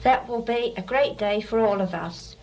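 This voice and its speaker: A woman's voice: medium pitch, normal speed, a little mellow. An older woman, giving a plain-spoken, heartfelt message to relatives on tape. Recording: amateur tape with faint noise.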